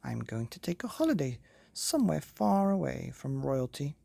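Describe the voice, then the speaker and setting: A woman's voice: extremely low pitch, very animated, normal speed, gravelly, dark tone, no room sound, exaggerated voice. A woman voicing a vain, easily flustered fairy godmother in a storybook, prim and chattering. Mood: chatty. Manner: prim, chattering, self-absorbed.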